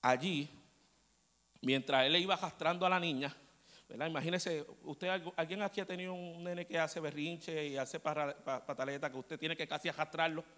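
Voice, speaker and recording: A male preacher tells a story to his church in an animated way, now and then asking the room to agree. His voice sits a little high for a man. It carries a long reverb from the sanctuary. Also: moderate pace. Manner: animated storyteller, asks the congregation "¿verdad?". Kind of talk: storytelling sermon.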